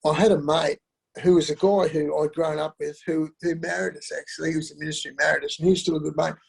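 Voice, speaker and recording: A middle-aged man speaks candidly about hard family years, stopping and restarting often with plenty of fillers. His voice is gravelly and husky, set a little higher than most men's. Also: flat delivery, poor audio. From Australia. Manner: halting, with many fillers and restarts. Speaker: interview guest. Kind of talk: candid personal storytelling.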